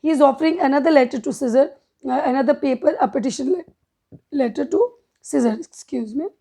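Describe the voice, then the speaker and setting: A woman's voice: high voice, brisk, creaky, dark tone. A woman teacher explaining a play line by line, reading each quote and then paraphrasing it, with frequent fillers and self-corrections.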